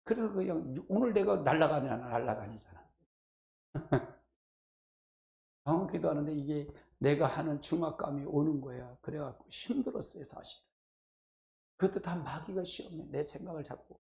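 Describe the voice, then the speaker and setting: A middle-aged pastor preaches at a church prayer meeting, his fairly high, gravelly voice carrying a darkish tone at normal speed. He uses a folksy call-and-response style with personal asides, and the sound echoes through the church sanctuary.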